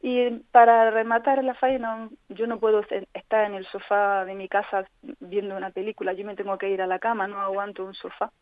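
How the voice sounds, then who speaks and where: A woman's voice: mid-range voice, little pitch movement, fairly quick, dry recording. Woman from on a phone line. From Spain. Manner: earnest, reflective storytelling. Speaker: interview guest, patient advocate. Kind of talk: personal account in a radio interview. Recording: dry, tinny phone line.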